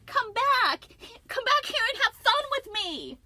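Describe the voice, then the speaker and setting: An eager, lonely young storybook girl, as a woman reading aloud puts her on, speaking in a high, bubbly, pleading voice. Her pitch leaps and swoops with every line. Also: big pitch swings, measured pace, a bit bright, dry recording, heavily acted. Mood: demanding. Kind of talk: reading a picture book aloud.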